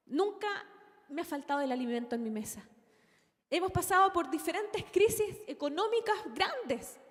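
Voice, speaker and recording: A woman's voice: very high voice, big-room sound. A young woman preaching a sermon, telling a personal story earnestly and addressing the congregation as brothers.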